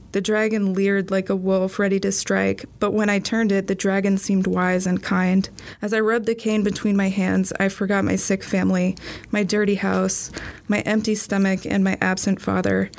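A woman narrating a first-person story in a steady, measured reading. Her pitch barely moves, and a gravelly vocal fry runs through her voice.

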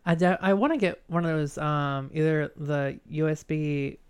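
A podcast co-host chatting casually and joking about office pranks. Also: male voice, a little high, moderate pace, clean tone. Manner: joking, playful. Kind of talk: casual chat.

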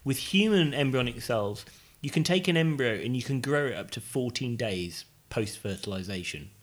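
A man's voice: medium pitch, expressive, moderate pace. A man who is a scientist, co-hosting a podcast in casual chat.

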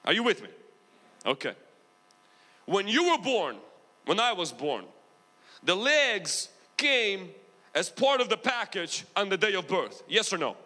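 Speaking a little slowly with frequent pauses, a very animated man with a high, sharp voice and mixed Ukrainian-American accent preaches a Pentecostal sermon. In the large, reverberant church hall, his intensity rises as he calls the congregation to answer.

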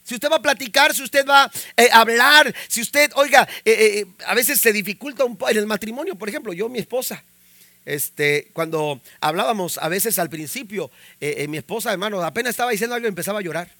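Predicador mexicano de voz muy aguda y brillante. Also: male voice, high-pitched, brisk, bright, forceful tone, no room sound. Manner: preaching with frequent "amén" and rising emphasis. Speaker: pastor. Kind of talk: sermon.

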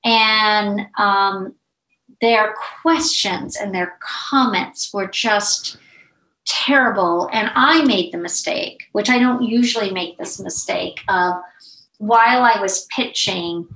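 A middle-aged woman, a brand founder, tells stories as a guest in a casual interview. She is animated and chatty, full of fillers and little asides, at an ordinary middle pitch. Her voice carries a roomy echo. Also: takes it slowly. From United States.

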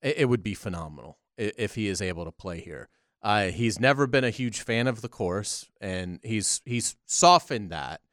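A man co-hosting sports talk radio, giving commentary in a halting, conversational way. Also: lowish voice, expressive, fairly bright tone, no room sound, clean studio sound.

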